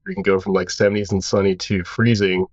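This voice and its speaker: A man in his thirties with a fairly low voice tells his story as a guest. His talk is relaxed and rambling, full of fillers. The sound is dry and a bit dull, with a narrow band. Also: fast talker, no room sound. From Hawaii. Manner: relaxed and rambling, with many "you know" fillers. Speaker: founder of a clothing brand, guest. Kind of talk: casual interview storytelling.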